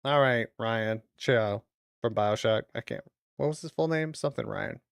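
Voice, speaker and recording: This streamer reacting to videos has a medium-pitched, creaky voice and gives casual watch-along commentary, reading phrases aloud deliberately and tossing in loose muttered asides. The sound is clean and studio quality, with no echo.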